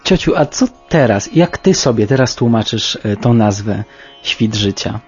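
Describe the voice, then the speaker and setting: A man's voice: on the low side, lively intonation, measured pace, a little mellow, husky. A man working as a radio interviewer, putting questions in a casual, familiar way. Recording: muffled, with music behind.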